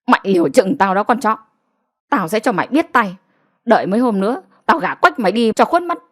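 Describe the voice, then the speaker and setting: Harsh cursing father, fast threats, storybook reading, woman voicing him. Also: on the high side, sing-song, fairly bright tone, pitched above the performer's own voice. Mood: menacing. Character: brutal drunken father, shouting and threatening.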